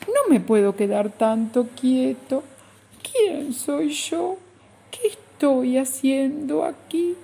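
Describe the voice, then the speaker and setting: Woman voicing a stuttering little storybook bug, lost and fretful, husky edge. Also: lowish voice, warm tone, full character voice. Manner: stuttering, plaintive questioning. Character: small lost bug creature, anxious and bewildered.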